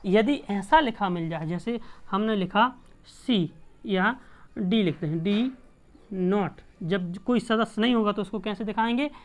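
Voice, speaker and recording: Woman, math teacher, from India, patient, repetitive, smooth clear voice. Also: mid-range voice, unhurried. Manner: patient, repetitive explaining with check-ins. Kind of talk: classroom math lesson.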